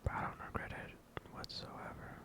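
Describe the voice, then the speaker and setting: A person whispering ASMR affirmations in a breathy, unvoiced whisper, speaking in a halting, reassuring, rambling way. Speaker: ASMR content creator.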